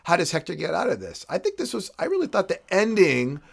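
Brief: male co-host, slightly high voice, lively swings, casual comics chat. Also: fast, vocal fry. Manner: animated, reads comic dialogue aloud. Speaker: podcast co-host. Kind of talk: casual comic book discussion.

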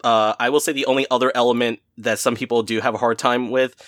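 A man's voice: medium pitch, steady tone, fast talker, a bit bright, dry recording. Rambling man in a dry, close recording. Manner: rambling, many restarts, laughs often. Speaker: guest game master. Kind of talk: casual podcast chat.

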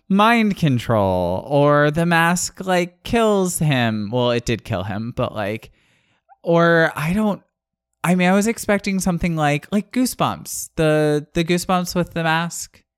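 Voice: medium pitch, lively intonation, a little slow, clear, resonant tone, no echo, clean studio sound. A podcast co-host reacting in casual chat, playful and chatty.

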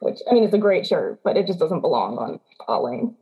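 A woman's voice: on the low side, sing-song, brisk, mellow, slight background noise, rough recording. A woman speaking as a knowledgeable guest on a music podcast, amused and matter-of-fact. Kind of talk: casual music podcast chat.

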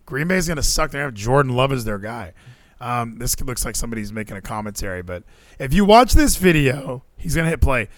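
A man's voice: medium pitch, big pitch swings, fairly quick, no room sound. A man co-hosting a podcast, chatting casually and animatedly about a football game, with a lot of fillers and swearing. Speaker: podcast co-host. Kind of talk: casual sports chat.

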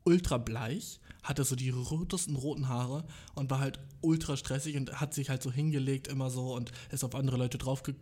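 A man's voice: mid-range voice, fairly even intonation, normal speed, few pauses, dark tone. Slangy young man telling a story. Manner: slangy, rambling, full of fillers and English slang. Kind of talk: casual storytime monologue. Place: room alone, indoors.

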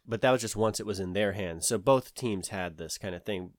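A man's voice: lowish voice, a little fast, no room sound, studio quality. A man from the American South with a Southern accent, telling a long story in casual conversation, rambling with many fillers and restarts.

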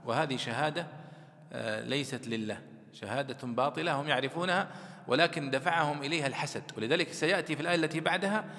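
A man lectures on classical scripture commentary with a bright, forceful tone, moving between patient explanation and recited lines of poetry and verse. His voice rings out into a long reverberant hall. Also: fairly high pitch, fast. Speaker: Quran commentary teacher.

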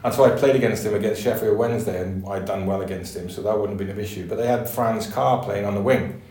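Male, middle-aged, Welsh Valleys accent. Low voice, casual interview recollections, roomy echoey sound. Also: quick pace, mellow. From Merthyr Tydfil, south Wales. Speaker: podcast guest, former footballer.

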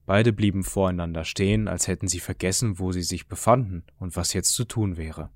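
Male narrator, audiobook, measured, lowish voice, dry sound. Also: dry recording. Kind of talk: audiobook reading.

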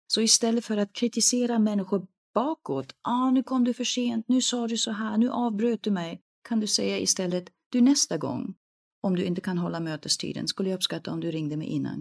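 A woman's voice: mid-range voice, vocal fry, a little mellow, slightly rough. A woman from East Germany, a guest expert in a podcast conversation, who talks with animation and acts out inner voices as she explains.

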